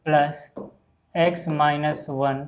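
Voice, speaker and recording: A man teaching a maths lesson in a relaxed, chatty way, often saying "okay" and calling his students "brother". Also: a little high, extremely slow, a little hiss or hum. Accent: Hindi. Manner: casual, repeats "ठीक है" and "भाई" often. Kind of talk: screen-recorded maths lesson.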